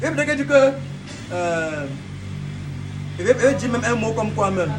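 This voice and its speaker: A man's voice: high voice, expressive, unhurried, over music. A man hosting a casual comedy video, playfully explaining things and acting out every example himself. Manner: playful, acts out examples with stuttering.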